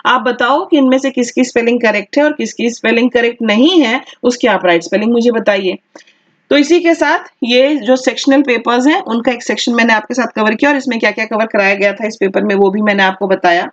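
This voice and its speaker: A woman teacher with a fairly high voice walks students through spellings one word at a time, slow and careful. The recording sounds a little dull and lo-fi. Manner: slow, careful dictation of spellings with frequent "okay". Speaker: Hindi teacher. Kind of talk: online exam-prep lesson.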